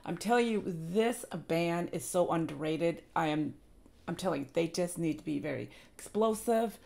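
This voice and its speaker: Woman, reaction host, gushing, somewhat low voice, hoarse from losing it. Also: animated, normal speed, a little mellow. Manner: enthusiastic, gushing praise. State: losing her voice, clearing throat. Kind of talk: casual reaction commentary.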